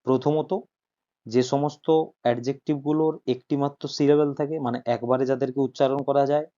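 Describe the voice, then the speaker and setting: A man's voice: mid-range voice, fairly even intonation, fairly quick, dark tone, dull audio. A man teaching a grammar lesson, explaining patiently, repeating points and checking that students follow.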